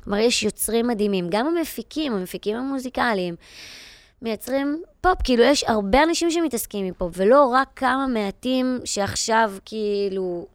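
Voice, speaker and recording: A woman's voice: fairly high pitch, lively intonation, clean tone, dry recording. Middle-aged woman chatting on a podcast, slangy, lots of fillers, dry close mic. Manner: slangy, many fillers and restarts. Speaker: podcast guest. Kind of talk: casual podcast chat.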